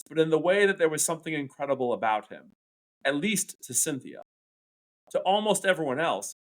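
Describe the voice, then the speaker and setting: A male English teacher reads a novel chapter aloud in an animated storytelling way. His voice sits high for a man and swings widely in pitch as he acts out the lines.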